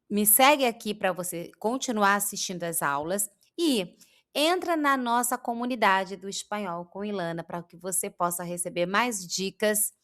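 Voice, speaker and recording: A woman with a Brazilian accent gives a pronunciation lesson at an unhurried pace. She stretches out and repeats each example word to show the sound, and her voice stays at a middle pitch. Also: a bit bright. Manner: slow, drawn-out demonstrations of sounds. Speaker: Spanish teacher.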